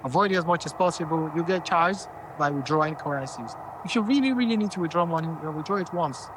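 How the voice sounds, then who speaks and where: A Nigerian man, a company founder, gives casual money advice in a fast, fairly high-pitched voice over background noise. He's conversational and keeps checking in with listeners, asking "okay?" and "right?".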